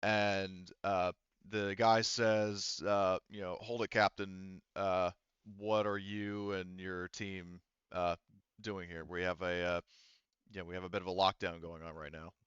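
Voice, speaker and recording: Through an online voice chat mic, a male game master runs a tabletop roleplaying session in a low, clean, clear and resonant voice that's a bit bright. His delivery is flat, casual and halting, with pauses while he thinks things through. The audio is close, dry and without echo, though slightly dull.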